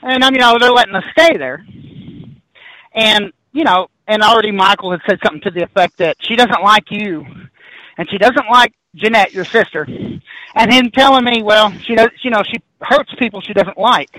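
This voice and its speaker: A man telling a personal ghost story in a casual chat, rambling and animated, backtracking and laughing as he goes. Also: high-pitched, moderate pace, dry recording, low-quality recording.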